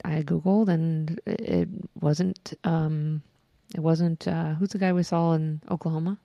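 A woman's voice: low-pitched, steady tone, unhurried, vocal fry, mellow, no room sound, highs cut off. A woman co-hosting a podcast, telling a rambling story in casual chat and swearing freely. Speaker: podcast co-host.

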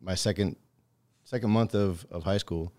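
A middle-aged man from Minnesota, a truck driver guest on a podcast, chatting casually and laughing often, his voice trailing off quietly. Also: deep voice, moderate pace, no echo. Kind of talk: casual chat.

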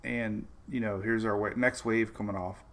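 A man's voice: on the low side, steady tone, normal speed, fairly bright tone. A man hosting a live weather stream, chatting loosely about the tropics, greeting viewers by name and laughing often. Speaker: weather show host. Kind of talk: live-streamed weather talk reading chat.

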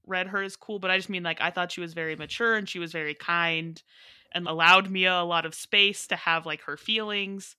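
A woman chats eagerly about a film with friends, her voice bright and forceful yet a touch low. She piles on agreement and memories in quick, casual runs. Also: steady tone, clean tone, no room sound. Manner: chatty, enthusiastic, quick to agree. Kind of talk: casual movie discussion.

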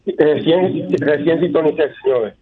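A man's voice: a little high, moderate pace. A man calling in to a radio show over the phone, talking hesitantly and searching for words. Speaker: caller. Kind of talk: call-in radio chat. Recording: tinny phone line with crowd behind.

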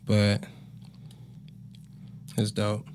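A man's voice: lowish voice, monotone, drawn-out words, darkish tone, clear, resonant tone. A man in his twenties, a musician chatting casually in a laid-back, slangy bro manner with plenty of swearing. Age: 20s. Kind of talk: casual conversational storytelling.

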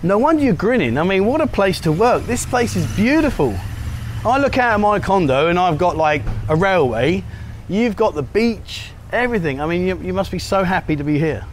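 Guy hosting a chat show outside, upbeat, teasing, bit high voice, faint traffic. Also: normal speed. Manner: upbeat, teasing, lively questions. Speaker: show host. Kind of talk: casual interview. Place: outdoors at a beachside cafe.

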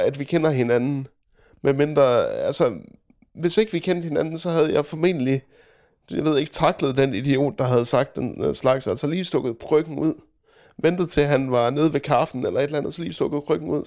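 A man talking casually with a friend, his voice a touch high and full of gravelly fry. He tells the story with dry, joking humor. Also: darkish tone. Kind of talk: casual chat.

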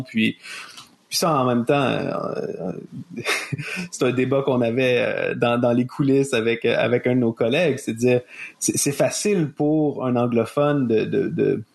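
Québécois male host, gravelly, mid pitch, reflective and halting. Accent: Québécois French. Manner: thoughtful, many restarts and fillers. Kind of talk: casual discussion.

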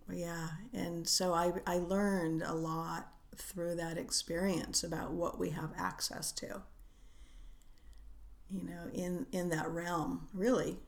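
A middle-aged woman, a writer who is a guest on a podcast, talking reflectively in an unhurried, musing way with frequent hesitations. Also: fairly low pitch, little pitch movement, vocal fry. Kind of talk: reflective conversational interview.

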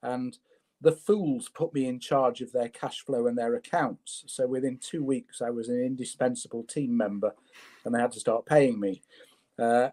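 A man's voice: medium pitch, dark tone. A man from Leeds, a guest entrepreneur, telling his career story in a wry, self-deprecating way with stammering repeats. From Leeds, England. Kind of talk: conversational storytelling.

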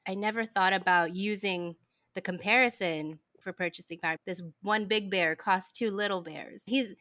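A woman's voice: mid-range voice, moderate pace, pushed and bright. A woman hosting a personal finance podcast, reading an upbeat intro and then chatting casually with her guest. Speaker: podcast host.

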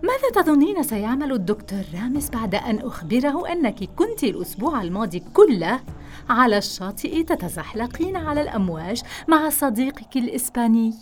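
A woman's voice: on the high side, very animated, quick pace, soft background music. A woman playing a determined young nurse, speaking urgently and insistently in an audio drama.

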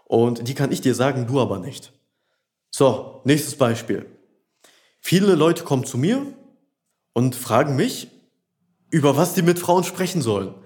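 Guy giving dating advice to camera, blunt and direct, keeps going "and and and", mid-pitched voice. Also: lively intonation, unhurried, long pauses, a little mellow. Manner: blunt, addresses the listener as du, repeats "und, und, und". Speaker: dating coach. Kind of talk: direct-to-camera coaching monologue.

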